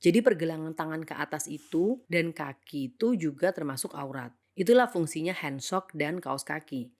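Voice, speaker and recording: A young woman with a somewhat low voice narrates a reflective monologue. She speaks earnestly and thoughtfully, weighing each point. English phrases come up now and then in her narration. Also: animated, normal speed, darkish tone.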